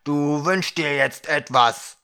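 A man voicing a huge, fat, glowing fire creature, impatient and stubborn, gruff and insistent in a storybook reading. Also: on the high side, normal speed, fairly bright tone, lightly acted. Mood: angry.

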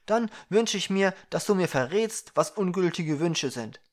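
A man voicing a small, stubborn male dwarf with a high, shrill, defiant voice in a storybook reading. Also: expressive, unhurried. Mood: cunning.

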